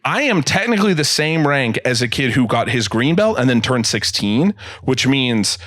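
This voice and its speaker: Lively rambling podcast host. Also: male voice, medium pitch, no echo. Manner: rambling, many fillers, quick laughs. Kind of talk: casual chat.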